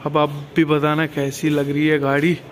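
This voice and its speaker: In a casual vlog shot on a hand-held phone in an outdoor loading yard, a tired young trucker in his twenties talks through what he does. His slightly high voice comes out completely flat at a normal speed.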